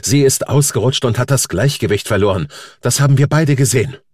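A man's voice: mid-range voice, a little fast, a little mellow, no echo, studio quality, pitched above the performer's own voice, lightly acted. A man voicing a father who firmly insists on his version of events, in a controlling tone. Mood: insistent. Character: a father covering up his deed.

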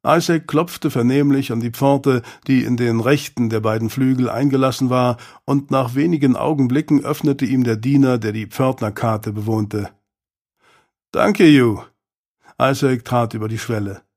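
A man reading a historical novel aloud as narrator, in a measured, even storytelling manner. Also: medium pitch. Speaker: audiobook narrator.

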